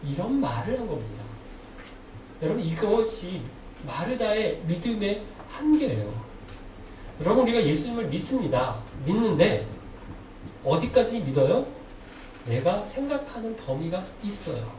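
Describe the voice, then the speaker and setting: A male pastor with a high, slightly mellow voice and big pitch swings preaches a sermon at normal speed, repeatedly putting questions to his congregation. Captured by a distant mic in the church sanctuary, it sounds like an echoey hall with faint noise.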